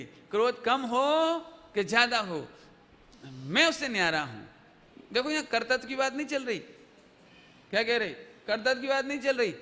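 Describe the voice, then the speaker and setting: A man's voice: very high voice, sharp tone. A man giving a religious discourse, explaining with everyday examples and quizzing his listeners with questions. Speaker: Jain preacher. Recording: hall reverb, faint noise.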